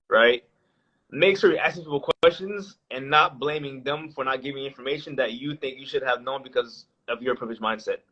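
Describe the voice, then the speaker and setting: Guesting on a podcast, a late-twenties man has a mid-range, fairly bright voice. He rambles casually, often restarting sentences and using many fillers. The audio comes across dull and lo-fi.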